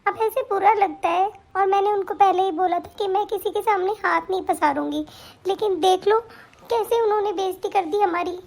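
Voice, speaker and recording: A woman voicing a young daughter-in-law who pleads for money and complains tearfully, in an animated story. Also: very high-pitched, normal speed. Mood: hurt.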